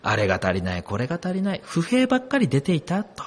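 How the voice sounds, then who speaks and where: Husky male preacher, high and very animated delivery, storytelling sermon. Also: fast. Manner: expressive storytelling, asks the congregation questions. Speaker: pastor.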